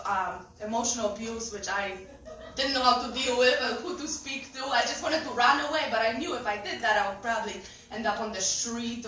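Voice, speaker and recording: Bright echoey woman. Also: on the high side, a little hiss or hum. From Poland. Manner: candid, laughing, lots of fillers and restarts. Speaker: speaker at a benefit event. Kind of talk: personal story told to a live group. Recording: echoey room, voice from far off.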